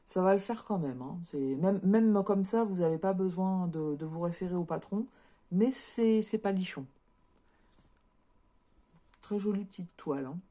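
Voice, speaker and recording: A woman's voice: on the low side, unhurried, pauses often, dark tone. A French woman chatting casually as a craft vlogger, showing and unboxing cross-stitch kits, with lots of fillers and repeated words.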